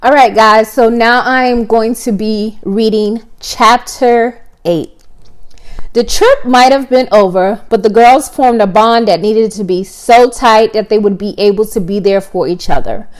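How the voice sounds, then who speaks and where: A woman podcast host reading her own story aloud in a casual, expressive way. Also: fairly high pitch, a little slow.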